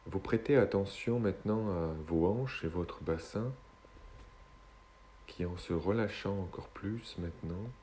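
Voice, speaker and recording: A man guiding a hypnosis session in a slow, soothing hypnotist's manner, with long pauses between short phrases. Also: deep voice, mellow, slight background noise.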